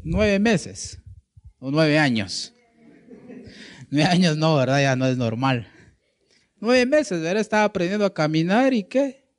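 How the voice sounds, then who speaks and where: A male preacher delivers a sermon in a fairly high, sing-song voice, unhurried and full of pauses. He poses rhetorical questions to the congregation, keeps tacking on "¿verdad?" ("right?"), and sometimes hunts for words mid-sentence.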